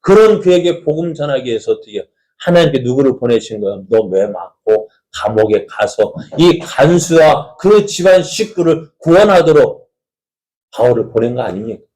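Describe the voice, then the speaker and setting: A man's voice: medium pitch, lively intonation, moderate pace, darkish tone, poor audio. A male pastor preaching a sermon in a conversational way, asking the congregation many rhetorical questions.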